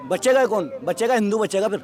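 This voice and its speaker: A man with a high voice argues combatively with a reporter at a street protest. He keeps repeating his points, and a loud crowd surrounds him. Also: animated, fast. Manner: insistent, combative, addresses reporter as sir. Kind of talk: heated street interview.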